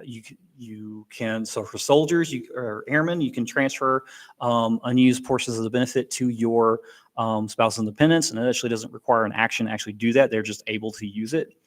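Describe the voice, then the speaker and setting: Man giving a benefits briefing. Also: mid-range voice. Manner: explains plainly with frequent ums and restarts. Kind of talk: informal briefing presentation.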